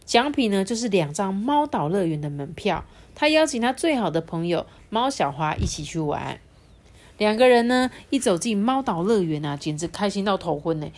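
A woman reads a children's story aloud. Her telling is lively and sing-song, with a pitch of middling height. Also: moderate pace.

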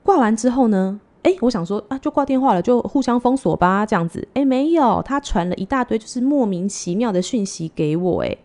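A woman hosting a podcast, telling a story in an animated, exasperated way. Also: a little high, fairly quick, hardly any pauses. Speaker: podcast host. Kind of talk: storytelling chat.

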